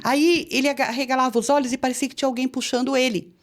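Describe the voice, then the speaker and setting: A woman's voice: high voice, little pitch movement, rapid-fire. A woman pastor with a Brazilian Portuguese accent tells a personal testimony with earnest feeling, her voice rising when she relives the tense moments.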